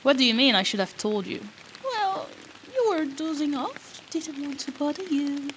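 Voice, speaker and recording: Rain patters behind a woman voicing a bratty, foul-mouthed rogue in a fantasy audio roleplay, needling the listener with cheeky, sarcastic banter. Her voice is high and fairly bright, with lively intonation at a normal speed.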